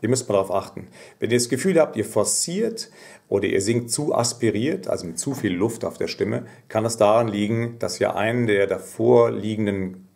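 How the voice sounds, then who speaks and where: Low-voiced man teaching singing technique. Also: moderate pace, vocal fry, darkish tone. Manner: explanatory, sings short demonstration phrases. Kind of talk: voice lesson.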